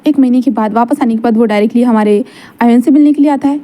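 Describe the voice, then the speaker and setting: A woman's voice: fairly high pitch, quick pace, dark tone. A woman casually retelling a fan-fiction story in a chatty way, with frequent "and then" links.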